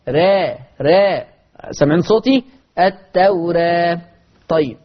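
Egyptian male recitation teacher, high-pitched, question-and-answer style, stretches sounds to demonstrate, muffled lo-fi sound. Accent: Egyptian Arabic. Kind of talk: recitation lesson.

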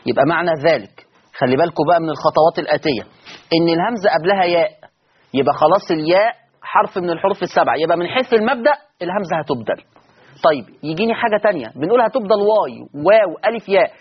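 A man's voice: a little high, expressive, very fast, breathy edge, muffled recording. A man with an Egyptian Arabic accent teaching Quran recitation rules, repeating points and asking and answering his own questions. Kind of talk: didactic lesson.

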